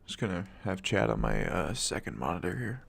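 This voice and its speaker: A young gaming streamer, just woken up and raspy, chats casually on a live stream from a home room, keeping quiet because his family is asleep. He's close to a desk mic, his voice sits low with big pitch swings and a slightly bright tone at normal speed, and he rambles loosely with frequent fillers, coughs, and swearing.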